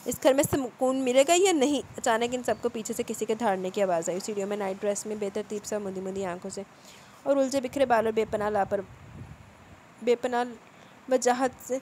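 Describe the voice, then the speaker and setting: एक औरत नाटकीय अंदाज़ में उपन्यास की कहानी सुना रही है।. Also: female voice, a little high, darkish tone, a little hiss or hum. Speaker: novel narrator. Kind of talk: scripted narration of a novel.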